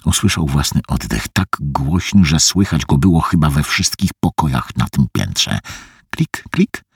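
A man narrating a suspense story in a very low, husky voice, swooping dramatically up and down as he plays out the scenes. The sound is close and dry, with no room around it. He reads with tense, theatrical energy. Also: lively intonation, moderate pace, no room sound. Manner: acts out tense dialogue with shifting pitch. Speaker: audiobook narrator. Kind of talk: dramatic audiobook reading.

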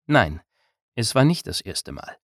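A man narrating a German-language novel as an audiobook in a calm, measured way. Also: fairly low pitch, no room sound, clean studio sound.

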